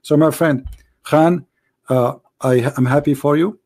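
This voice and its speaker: A man's voice: on the high side, fairly even intonation, measured pace, a little mellow. A man hosting a live call-in religious debate, preaching with passion in broken grammar while losing his voice. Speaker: call-in show host.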